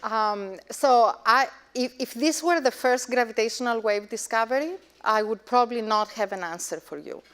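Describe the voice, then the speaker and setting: A woman speaking as a scientist on a panel, telling an anecdote in an animated way and acting out what she once thought. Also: on the high side, moderate pace, few pauses, smooth. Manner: animated, acts out her past reactions. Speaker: panelist, astrophysicist. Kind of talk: panel discussion, casual storytelling.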